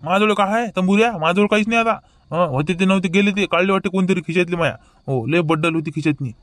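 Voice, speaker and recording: A man's voice: high-pitched, fast, a bit bright, no room sound, clean studio sound. A man with a Vidarbha Marathi accent playing a confused, protesting village man in a rustic comedy sketch.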